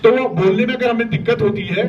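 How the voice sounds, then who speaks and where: A school workshop facilitator leads an interactive lesson for students, his voice extremely high-pitched and fast. He keeps checking in with the class and praises them often. The mic is distant and dull, with faint room noise.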